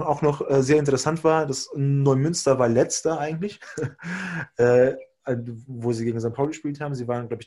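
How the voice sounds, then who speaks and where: Rambling and self-correcting, a podcast co-host from Hungary shares a long story from his own life in casual conversation. He's a native Hungarian speaker with a mellow, mid-range male voice.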